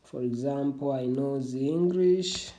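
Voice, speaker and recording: A young adult tutorial vlogger with Swahili as a first language casually and haltingly walks through an online application on screen, often restarting and calling viewers "family." The voice is deep-toned and mellow at a middle pitch. The audio is poor, with a slight hiss or hum.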